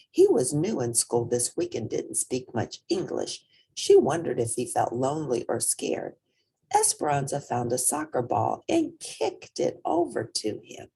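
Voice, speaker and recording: The woman reading this children's picture book has a very deep, husky, breathy voice. She tells the story in an animated, dramatic style, sinking into whispers and drawing out some words.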